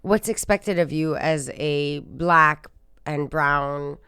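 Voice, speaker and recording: Low, smooth-voiced woman from Sudan. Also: slow pace, a bit bright, no echo, studio quality. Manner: thoughtful, emphatic, acts out quoted speech. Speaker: guest musician. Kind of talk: conversational interview.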